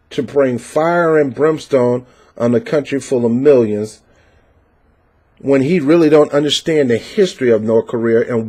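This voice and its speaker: A man from the United States, with a medium-pitched, dark, slightly rough voice, reads out a news article. He reacts with opinionated political commentary delivered with passionate, preachy emphasis and frequent fillers.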